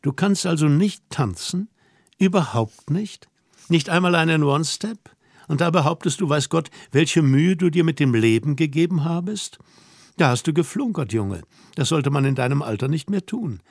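A man reading an audiobook voices a young woman who teases and orders her companion about, asking brisk, mocking questions. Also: fairly high pitch, lively intonation, no echo, studio quality, voice pushed up. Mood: scolding. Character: young woman, teasing, bossy and self-assured. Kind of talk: audiobook dialogue.

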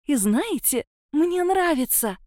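Defiant proud young woman, high and insistent, acted by a woman reader. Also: lively intonation, takes it slowly, warm tone, no echo, clean studio sound.

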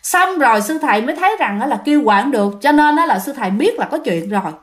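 A young woman tells a ghost story in a Southern Vietnamese accent, her voice pitched high. She talks casually and chattily, filling the telling with small asides to her listeners. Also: lively intonation, quick pace. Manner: chatty, addresses listeners, many fillers.

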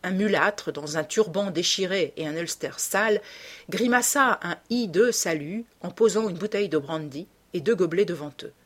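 A woman narrating a classic novel as an audiobook in a slow, measured way. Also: on the low side, expressive.

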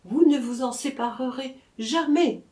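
A woman's voice: sits high, unhurried, darkish tone, pitched above the performer's own voice. A woman reader voicing an emotional young woman who pleads with the man she loves, in an echoey room.

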